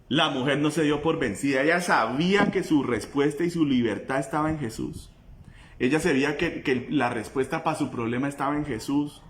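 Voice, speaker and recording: A male pastor, preaching a sermon with impassioned swings between loud cries and low intensity. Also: echoey room.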